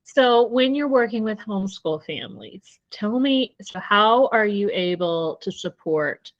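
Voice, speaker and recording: A woman podcast host asks her guest questions in an easy conversational way, at a middling pitch. Her audio sounds a little dull and dry, like a remote connection. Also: expressive, unhurried, no room sound. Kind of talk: casual podcast interview.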